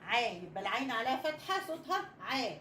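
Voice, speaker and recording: A woman's voice: fairly high pitch, lively intonation, brisk. A young woman teacher with an Egyptian accent, giving a children's reading lesson. She stretches out letter sounds and repeats them patiently. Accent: Egyptian Arabic. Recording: echoey room with faint noise.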